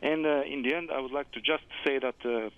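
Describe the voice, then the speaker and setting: A man from Bosnia calling in, speaking haltingly and searching for his words. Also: mid-range voice, steady tone, clear, resonant tone. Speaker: caller. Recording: dull phone-in line.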